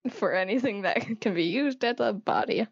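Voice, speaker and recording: A woman's voice: medium pitch, expressive, moderate pace, breathy edge, no echo. A woman playing a tabletop game, chatting in a playful, upbeat way. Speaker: player. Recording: dull dry mic.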